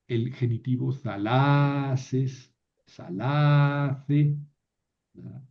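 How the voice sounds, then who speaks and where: A man teaching biblical Greek in a recorded lecture, halting often to repeat and correct himself. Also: lowish voice, mellow, highs cut off.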